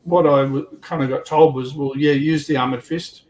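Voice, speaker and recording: With a fairly high, a little mellow voice, this man speaks at a moderate pace and with fairly even intonation. He's an Australian taking part in a hobby livestream panel, talking casually in a hesitant, rambling way, and background noise is clearly audible on the stream.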